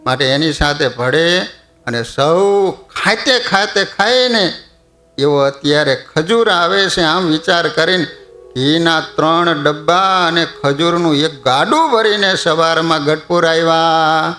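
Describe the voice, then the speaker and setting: A man's voice: fairly high pitch, a little slow, bright, forceful tone. A male preacher telling a devotional story in a chatty way, often putting questions to his audience. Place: temple hall. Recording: echoey hall, faint music behind.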